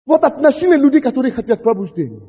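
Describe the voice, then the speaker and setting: Fast-talking and breathy-edged, this male pastor has a very high voice with big pitch swings. A native English speaker, he preaches a fiery sermon, impassioned and shouting prayers while stumbling over words, recorded dull and echoey in a church hall.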